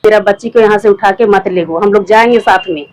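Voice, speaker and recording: A woman's voice: medium pitch, brisk, rough recording. A middle-aged woman from Jharkhand with a rural Jharkhand accent, a mother and former village head telling a reporter her account in plain speech, often repeating herself and quoting others. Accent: Jharkhand rural Hindi. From Jharkhand, India.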